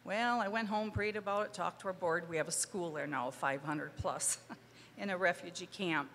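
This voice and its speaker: A woman's voice: fairly low pitch, normal speed, fairly bright tone, slight background noise. A woman with a Wisconsin accent giving an earnest, faith-filled testimony to a church congregation. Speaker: guest missionary speaker. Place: church hall. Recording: reverberant hall, faint ambience.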